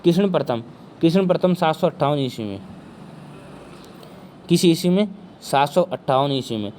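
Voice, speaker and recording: A male teacher with a sore throat speaks softly through an exam-prep history lecture, his slightly high voice expressive and at normal speed. He keeps posing questions and answering them himself, with a little hiss or hum in the background.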